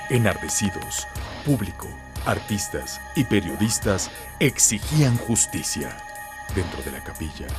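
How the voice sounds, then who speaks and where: A man giving measured, formal scripted narration for a documentary. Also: on the low side. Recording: narration over music.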